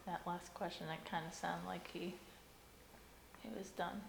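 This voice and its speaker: A woman's voice: lowish voice, level tone, unhurried, vocal fry. A woman chatting casually as a co-investigator during a paranormal investigation in an echoey indoor space. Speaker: co-investigator on a ghost hunt. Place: inside an old general store at night. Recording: echoey reverberant room with faint noise.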